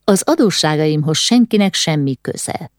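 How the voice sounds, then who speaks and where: A woman voicing a proud, eccentric middle-aged landowner who speaks with measured, restrained calm. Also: sits low, dry recording, studio quality.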